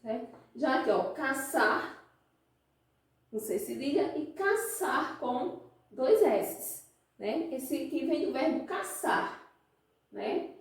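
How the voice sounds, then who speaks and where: A Brazilian woman teaches a class at an unhurried pace, her fairly high voice checking in with the students again and again. She sounds some way off from the mic, and the room around her is very echoey. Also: expressive, distant mic. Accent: Brazilian Portuguese. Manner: explains slowly, asks the class frequent check questions. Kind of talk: classroom lesson.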